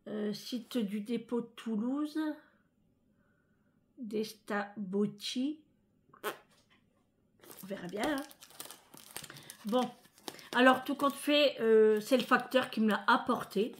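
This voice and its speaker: A woman from France talks casually to her viewers in a vlog. Her voice sits a little high, and she sounds chatty and emotional. Faint background noise runs under the recording. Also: slow pace, long pauses. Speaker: vlogger. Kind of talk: casual chat.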